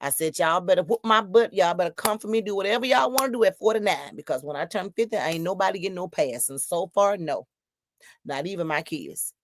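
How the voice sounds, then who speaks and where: A woman in her fifties hosts her own podcast, talking straight to listeners and reading their comments aloud. Her voice sits low, and she preaches her points with lots of repetition. The sound is dry, with no room echo. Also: animated, a little fast. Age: 50s. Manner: emphatic, preachy storytelling with repetitions. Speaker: podcast host. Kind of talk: solo podcast talk reading viewer comments.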